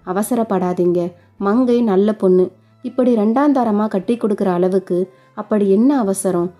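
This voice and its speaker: A woman's voice: mid-range voice, normal speed, dark tone, soft background music, lightly acted. A woman doing a soothing older relative. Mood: consoling. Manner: soothing, apologetic.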